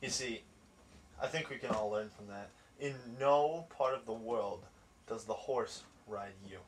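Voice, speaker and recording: A man's voice: on the low side, measured pace. A young man in a comedy sketch, mock-solemn and overdramatic. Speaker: friend at an intervention. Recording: distant mic with faint hiss.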